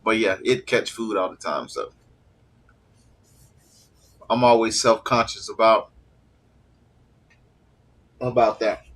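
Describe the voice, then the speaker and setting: This man speaks at a fairly low pitch, slowly and with frequent pauses, his tone a bit bright and his nose stuffy from allergies. Eating during a live stream, he chats in a relaxed, rambling way, drifting off into filler words.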